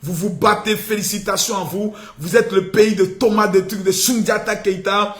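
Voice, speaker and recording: A man hosting a live stream, mocking and scolding loudly and often shouting. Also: high voice, steady tone, normal speed. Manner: loud taunting mock-scolding, often shouting. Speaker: livestream host. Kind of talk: mocking satirical live commentary. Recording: echoey room with faint noise.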